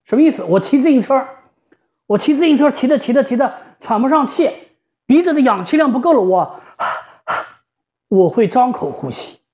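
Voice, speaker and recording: Through slightly dull, lo-fi audio, a high female voice comes across with lively intonation and a moderate pace. She is a home ventilator specialist who also works as shop staff. Her explanation is informal and conversational, with repeated phrases for emphasis.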